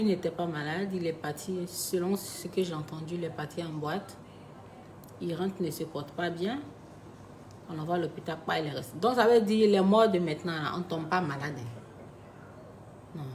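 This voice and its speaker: A woman's voice: on the low side, background noise. Chatty woman livestreaming. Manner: chatty, calls viewers her babies; sombre and reflective when speaking of loss. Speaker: live streamer talking to her followers. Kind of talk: casual live-stream chat. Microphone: phone.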